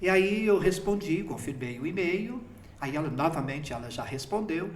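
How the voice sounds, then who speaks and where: A man's voice: on the high side, lively intonation, normal speed, roomy sound. A man in his fifties, a priest, telling a personal story in a chatty interview manner. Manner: chatty storytelling, often breaking into laughter. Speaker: priest named bishop.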